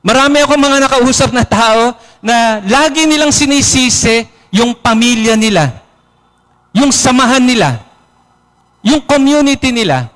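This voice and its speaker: A man with a Filipino accent, a priest giving a sermon to an audience, animated and acting out quoted complaints in a higher voice. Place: church or hall, in front of an audience. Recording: long reverb of a hall.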